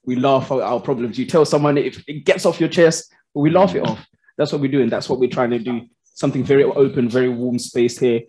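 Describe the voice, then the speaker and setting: A man's voice: mid-range voice, brisk, dark tone. A man, an upbeat and chatty host giving thanks at the close of a live panel. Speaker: podcast host. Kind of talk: closing remarks at a live panel. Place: community studio with live audience.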